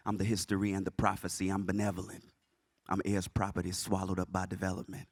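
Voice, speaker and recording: Deep, flat-voiced man performing spoken word. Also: quick pace, no echo. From South Carolina Low Country. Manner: rhythmic, chanting delivery.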